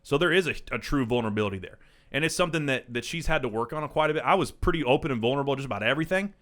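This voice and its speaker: A podcast co-host in his thirties speaks very fast with a mid-range, fairly bright voice and lively intonation. In a casual group chat he rambles emphatically, swearing freely while telling stories and handing out advice.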